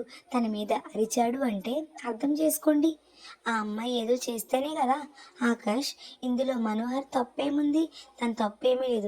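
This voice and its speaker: A woman's voice: a little high, darkish tone, lightly acted. A woman voicing a middle-aged aunt who firmly settles a family quarrel. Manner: firm, serious.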